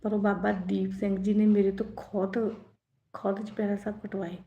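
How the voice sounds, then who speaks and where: A woman's voice: mid-range voice, little pitch movement, moderate pace, dark tone. A young adult woman giving earnest spiritual advice in a live-stream talk, often asking the listener questions. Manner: earnest, advising directly, asks listeners questions. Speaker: religious speaker. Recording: echoey, dull lo-fi sound.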